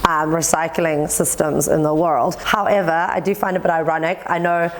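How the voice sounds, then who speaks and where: A woman from South Africa joins a casual panel chat. Her voice sits a little low, and she makes her points frankly and with emphasis. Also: flat delivery, moderate pace. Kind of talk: casual group discussion.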